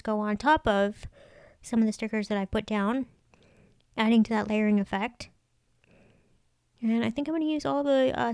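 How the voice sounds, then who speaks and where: Female craft vlogger, smooth and slightly high voice, chatty casual tutorial narration, close dry sound. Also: a little mellow, dry recording. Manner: chatty, thinking aloud. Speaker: craft vlog host.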